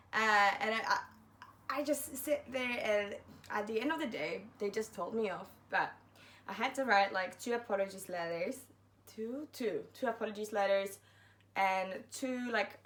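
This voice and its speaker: A woman's voice: medium pitch, a bit bright. Chatty young woman telling a story. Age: young adult. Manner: chatty, self-mocking, acts out quotes. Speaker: university student vlogger. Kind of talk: casual storytime vlog.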